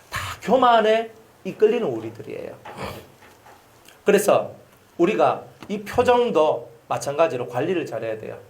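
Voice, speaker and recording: A man preaching a sermon as pastor, lively and acting out the voices he quotes. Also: a little high.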